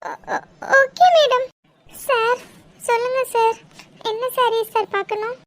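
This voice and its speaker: A woman's voice: steady tone, slow pace. Woman voicing a meek young shop girl. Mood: polite. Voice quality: very high, girlish cartoon voice. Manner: polite, deferential. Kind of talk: cartoon dialogue.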